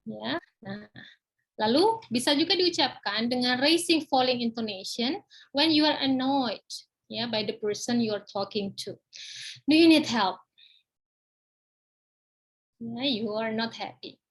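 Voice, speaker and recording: A woman giving a pronunciation webinar lesson, dropping "ya" and "nah" into nearly every phrase and slowing down for her English example phrases. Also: fairly high pitch.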